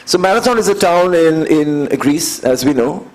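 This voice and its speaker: A man in his fifties with an Indian English accent, telling his story as an interview guest in an earnest, measured way and building his points through repeated phrases. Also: a little high, lively intonation, a little mellow, rough recording. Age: 50s. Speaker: guest, endurance athlete.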